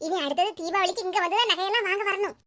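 A woman's voice: extremely high pitch, very fast, bright, forceful tone. A woman voicing a doting, sentimental mother-in-law in a cartoon, with a Kanyakumari Tamil accent and an affectionate manner. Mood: fond. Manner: affectionate, emotional, often laughing.

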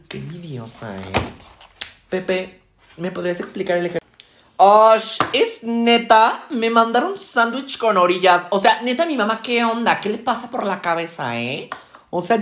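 A man doing a stuck-up posh Mexican schoolgirl. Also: high voice. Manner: drawling, exaggerated valley-girl fillers and sighs. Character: stuck-up posh teenage schoolgirl, bossy and vain. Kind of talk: comedy sketch. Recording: roomy echo.

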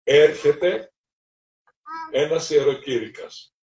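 A Greek priest with a slightly high male voice tells a storytelling sermon in a roomy hall. He recounts anecdotes in a lively way and acts out the dialogue. The recording is roomy, distant, dull, and lo-fi.

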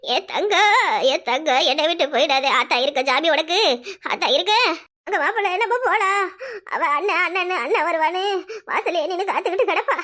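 A woman's voice: very high voice, a little fast, pushed and bright. A woman voicing an elderly village mother in a cartoon comedy, who wails, scolds and laments. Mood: lamenting.

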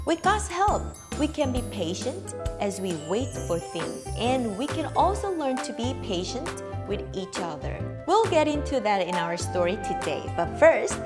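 A woman children's pastor giving a gentle sermon, speaking directly to children. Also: on the high side. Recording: music playing under the voice.

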